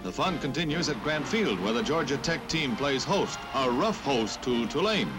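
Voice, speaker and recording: A man's voice: mid-range voice, animated, normal speed. An American man narrating a 1950s newsreel in a dramatic, punchy announcer's delivery. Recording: old newsreel soundtrack under loud music.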